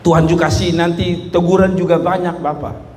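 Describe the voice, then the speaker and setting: A man preaching a lively sermon, telling humorous stories and shouting at his peaks. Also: fairly high pitch, fairly quick. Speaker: pastor. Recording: echoey hall with faint room noise.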